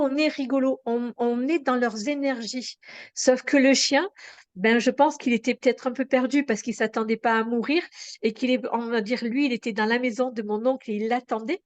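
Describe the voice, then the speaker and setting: A woman guest in a conversational interview, telling a personal story in an earnest, halting way with many fillers and restarts. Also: a little high, no room sound.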